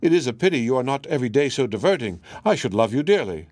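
A man's voice: medium pitch, sing-song, fast, darkish tone, dry recording. A man voicing a proud young fairy-tale princess in a storybook reading, with a haughty manner.

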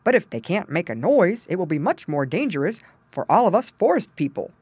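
A woman's voice: lowish voice, very animated, a little fast, a little mellow, breathy edge, dry recording. A fussy, greedy old male woodchuck from a storybook talks in a sing-song, self-important way, as a woman reader acts him out. His voice sits a little above the narration. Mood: grumbling.

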